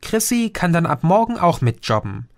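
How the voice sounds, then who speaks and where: Man doing a brisk, bossy mother. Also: a little high, sing-song, dry recording, clean studio sound, voice pushed up. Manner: brisk, instructing. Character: brisk mother, busy organizer.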